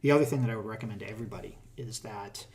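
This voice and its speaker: A middle-aged man with a Boston accent, a tech hiring manager, giving advice in a relaxed, casual interview with plenty of fillers and restarts. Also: fairly low pitch, racing.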